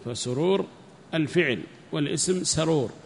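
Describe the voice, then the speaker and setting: A man teaching a religious text, reading each phrase and then repeating it slowly with explanations. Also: fairly high pitch, creaky, a little hiss or hum. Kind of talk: classical text lesson with commentary. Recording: long reverb.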